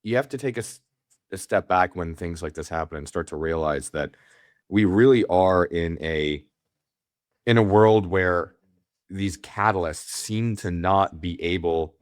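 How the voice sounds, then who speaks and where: A man's voice: low-pitched, measured pace, no echo, clean studio sound. A man co-hosting a podcast in casual chat, talking with enthusiasm and repeating words as he starts his thoughts. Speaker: podcast co-host.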